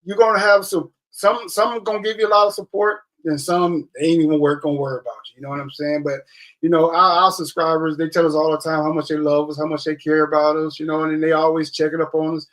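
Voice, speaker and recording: Rambling man, fairly high voice. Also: level tone, fast talker, a bit bright. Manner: rambling, repeats "you know what I'm saying". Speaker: channel host. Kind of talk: casual chat.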